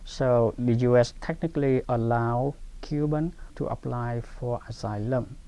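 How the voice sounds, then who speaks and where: A man's voice: mid-range voice, a little slow, mellow. A man who was once a refugee, explaining a law in a conversational, step-by-step way during an interview.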